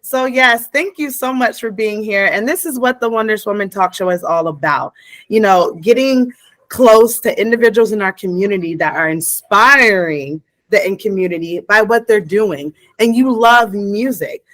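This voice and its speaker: A woman's voice: mid-range voice, moderate pace, a bit bright, no echo. A woman in her thirties hosting a talk show, effusive and slangy, showering her guest with compliments. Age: 30s. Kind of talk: casual interview chat.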